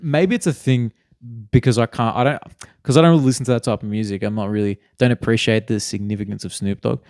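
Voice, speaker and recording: A young Australian man co-hosting a casual podcast chat, talking in an animated, rambling way with lots of bro and mate. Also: medium pitch, fast, dry recording. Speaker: podcast co-host.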